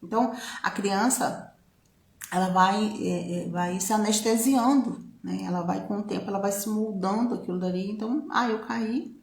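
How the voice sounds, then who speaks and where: A woman's voice: medium pitch, moderate pace, creaky, darkish tone. A woman with a Brazilian Portuguese accent giving a reflective personal talk, conversational and full of tag questions. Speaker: speaker on self-knowledge. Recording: roomy echo.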